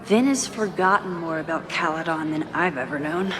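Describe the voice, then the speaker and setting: A young adult woman with a low voice speaks at a normal pace, lightly acted, voicing a thoughtful, caring photographer with powers in a video game who carries a quiet burden. Her understated, introspective delivery shifts between inner monologue and casual dialogue in a musing mood. Music plays behind her.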